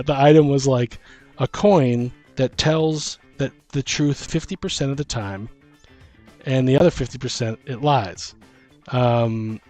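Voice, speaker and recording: Over background music, a man with a medium-pitched, darkish voice chats casually about fantasy tabletop games. He rambles a bit while brainstorming ideas in his role as a tabletop game host.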